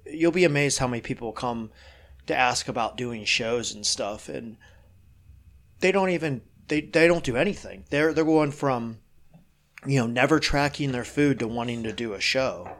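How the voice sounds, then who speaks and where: A man's voice: medium pitch, moderate pace, fairly bright tone. A middle-aged man, a fitness coach, chatting casually on a podcast in a rambling, frank way with lots of fillers and the odd swear.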